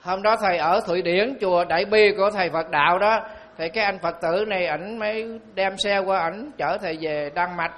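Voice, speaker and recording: Monk telling stories. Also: male voice, high voice, a bit bright. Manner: storytelling, slow and emphatic on key phrases. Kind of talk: sermon.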